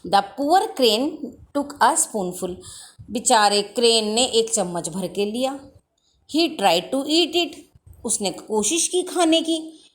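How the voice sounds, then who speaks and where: A woman teacher reads a children's story slowly in English and explains each line at length in Hindi. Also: sits high. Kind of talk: bilingual storybook lesson.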